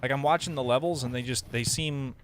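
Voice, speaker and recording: A man in his thirties co-hosting a podcast, talking in a relaxed, meandering way. His humor is dry and wry, and his voice sits at an ordinary middle pitch. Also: brisk, a little hiss or hum. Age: 30s. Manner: laid-back, rambling, wry. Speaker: podcast co-host. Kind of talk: casual chat.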